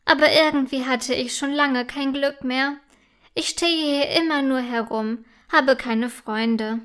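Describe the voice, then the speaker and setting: A woman's voice: on the high side, measured pace, fairly bright tone. A woman voicing a lonely male talking mushroom who speaks sternly and then kindly. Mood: plain. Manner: stern at first, then friendly and laughing.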